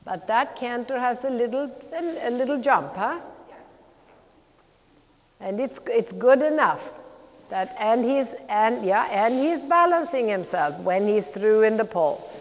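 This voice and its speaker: A woman coaching a riding lesson, calling out brisk, projected commands mixed with encouragement and blunt corrections. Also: a little high, lively intonation. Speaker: riding instructor, clinician. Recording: long echoing reverb of a large hall.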